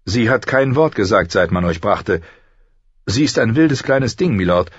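A man's voice: fairly low pitch, expressive, a little slow, slightly rough, no room sound, muffled recording, pitched above the performer's own voice. A man voicing a loyal, earnest steward who speaks reassuringly to his lord.

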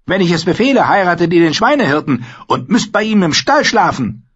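A cruel young king sneers and taunts in a high, shrill voice, as a male reader puts him on. A husky grain runs under it. The recording is dull and lo-fi. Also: big pitch swings, brisk, a bit bright, full character voice. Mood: taunting. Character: cruel gloating boy king. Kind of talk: audiobook character voice.

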